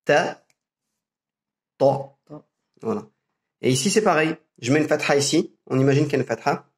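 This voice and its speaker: A man's voice: on the high side, animated. Patient man teaching pronunciation. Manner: patient, explains slowly with fillers and repeated sounds. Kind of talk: casual spoken lesson.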